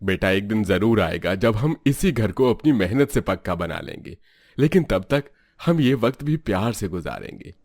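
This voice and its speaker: A warm, patient father, as a man voices him for a cartoon. His voice is low but moves a lot in pitch, and he sounds reassuring. The recording is dry. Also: sing-song, moderate pace, no room sound. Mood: tender. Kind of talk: cartoon voice acting.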